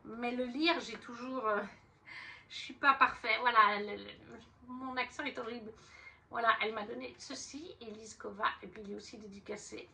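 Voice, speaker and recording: A woman's voice: on the high side, fairly even intonation, moderate pace, creaky, sharp tone, far from the mic, a little hiss or hum. A woman chatting casually about her books as a vlogger, rambling with fillers and restarts. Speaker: book vlogger. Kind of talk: casual chat.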